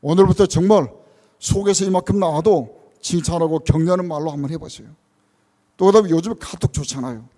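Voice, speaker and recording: A man's voice: fairly high pitch, fairly quick, warm tone, big-room sound. A man, a church elder, preaching a sermon, earnest and full of rhetorical questions, now and then acting out a parent's words. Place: church sanctuary.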